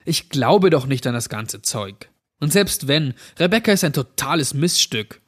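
A man's voice: animated, a little slow, breathy edge. A man voicing a mischievous, defiant teenage girl in a told story, in a raised, girlish voice. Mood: defiant, flippant. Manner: higher, girlish put-on voice. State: crying.

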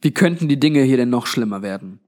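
A man's voice: mid-range voice, lively intonation, fairly quick, darkish tone, lightly acted. A mocking, sulky young man of about twenty, read by a male narrator close to his own voice. He murmurs his lines with a sneering edge, like a stubborn child talking back. An audiobook figure, moody and sarcastic.

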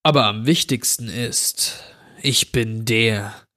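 A man's voice: on the low side, slow pace, bright, forceful tone. A man doing a drawling sinister stranger. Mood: mocking. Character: menacing drawling male intruder who grants wishes.

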